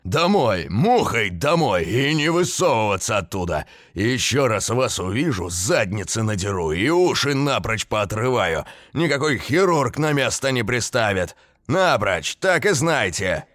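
A man's voice: lowish voice, sing-song, measured pace, no room sound, studio quality, voice pushed up. A man doing a bellowing burly builder. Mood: threatening. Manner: bellowing, scolding, gruff. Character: big burly shouting male construction worker.

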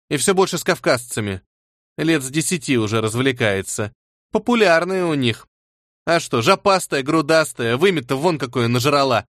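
A man's voice: medium pitch, a bit bright, no echo, studio quality, natural voice. A man reading an audiobook and voicing a fierce, bitter teenage girl who swears harshly. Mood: scornful.

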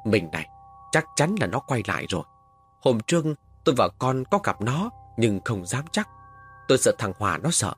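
A man voicing a gruff, anxious village father who speaks curtly and in grave, hushed tones, in a spoken horror story. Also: mid-range voice, sing-song, normal speed, faint music behind.

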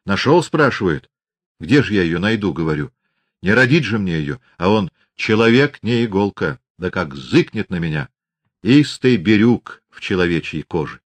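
A man's voice: sits low, big pitch swings, normal speed. A man reading an audiobook and voicing a talkative rustic Cossack orderly who grumbles in chatty dialect. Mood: grumbling.

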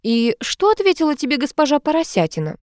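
A woman's voice: sits high, sing-song, fast, a little mellow, no echo, clean studio sound, voice pushed up. Woman reading as a stern, formal matriarch. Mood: reproving. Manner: formal, reproving. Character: stern, proper older mother of the house.

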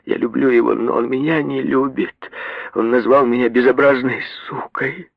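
A man voicing a proud young woman, prim and icy in manner, who breaks into sobbing, shrill outbursts, in a literary reading. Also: normal speed, husky, dry recording. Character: proud young woman, stiff, then hysterical. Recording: dull, muffled radio recording.

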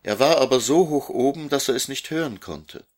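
A man reading a children's storybook aloud in a measured way, narrating the story. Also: medium pitch, lively intonation.

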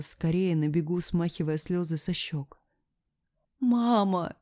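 Woman narrator, deep voice, dry close sound, emotional audiobook reading, hushed to anguished. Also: dry recording. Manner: emotional, shifts between hushed whispers and anguished cries. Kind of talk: first-person dramatic audiobook reading.

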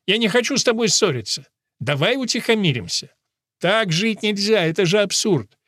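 A man's voice: high-pitched, very animated, normal speed, fairly bright tone, no room sound, clean studio sound, voice pushed up, full character voice. A man voicing a smug, cheerful middle-aged father who talks in a breezy, patronizing way.

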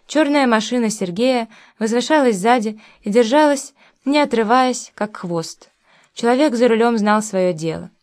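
A woman reading a novel aloud as an audiobook narrator, in a calm, even way. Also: a little high, moderate pace.

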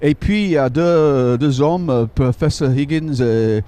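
Out on a city street, a man with a dark, fairly high-pitched voice guides a walking tour and points out the sights. As a local guide, he hesitates often, hunting for French words and filling gaps.

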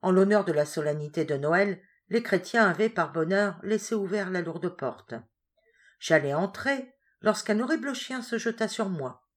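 A woman's voice: medium pitch, animated, moderate pace, lightly acted. A woman voicing a young wounded boy who earnestly tells of his brave deeds in a storybook reading.

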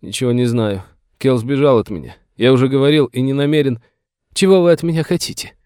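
A man's voice: medium pitch, normal speed, darkish tone, no room sound, clean studio sound, voice pushed up, lightly acted. A man voicing a frightened aging rancher who pleads in a plaintive, agitated way. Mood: fearful, plaintive. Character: frightened aging male rancher, tearful and whining.

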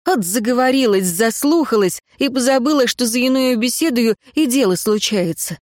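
A woman's voice: a little high, lively intonation, normal speed, a little mellow, no room sound, studio quality. A woman reading an audiobook in folksy, archaic first-person narration. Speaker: audiobook reader.

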